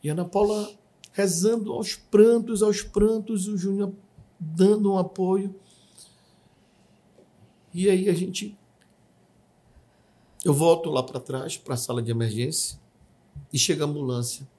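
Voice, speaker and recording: Husky-voiced man telling a testimony. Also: high voice, steady tone, measured pace, long pauses. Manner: vivid storytelling, acts out shouts and quotes. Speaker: podcast guest giving testimony. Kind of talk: emotional personal testimony.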